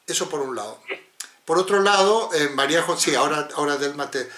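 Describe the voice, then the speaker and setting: A man's voice: fairly high pitch, expressive, fairly quick, bright, forceful tone. A man moderating a philosophy seminar over a video call, talking in a discursive way and often ending with tag questions. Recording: roomy echo.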